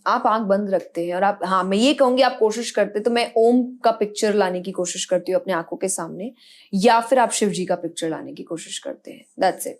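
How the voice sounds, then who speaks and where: Young woman guest, spiritual speaker; calm, earnest explainer, mid pitch. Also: fairly quick. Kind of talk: podcast interview answers.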